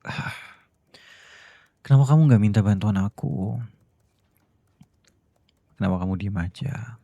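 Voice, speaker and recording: A man playing a strict boss and loving husband in a whispered role-play, with a very low, gravelly voice. His tone is dark and husky, close and dry with no room sound. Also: measured pace, no echo, exaggerated voice. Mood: gentle pleading. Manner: cold and scolding, then soft and pleading. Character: stern boss who is a doting husband. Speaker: voice actor.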